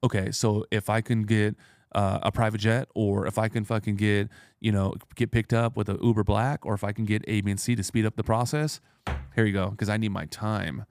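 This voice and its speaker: A man's voice: lowish voice, flat delivery, brisk, a little mellow, no room sound, clean studio sound. A man in his thirties, an entrepreneur guest, telling blunt, profane stories in streetwise slang. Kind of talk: casual storytelling.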